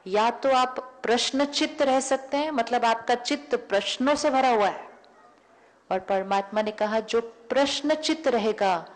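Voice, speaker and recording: A woman's voice: a little high, unhurried. A woman giving a public spiritual lecture, telling everyday stories and acting out both sides of the dialogue, often repeating key words. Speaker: spiritual teacher. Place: lecture hall before an audience.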